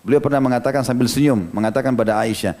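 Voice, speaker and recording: A man from Indonesia delivers a storytelling sermon at a brisk clip, his pitch sitting in an ordinary middle range. He talks like he is chatting with the congregation, unpacking every quote in plain language and peppering it with casual "ya" and "gitu" asides. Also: mellow. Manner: conversational, drops in frequent "ya" and "gitu" asides; explains each quote in plain everyday words. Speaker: Islamic preacher.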